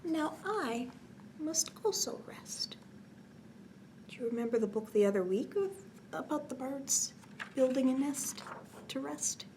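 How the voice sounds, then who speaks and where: Here a high-pitched woman hosts bedtime stories for children, softly and expressively reading a picture book, chatting in casual asides and often hushing to a near-whisper. There's slight background noise.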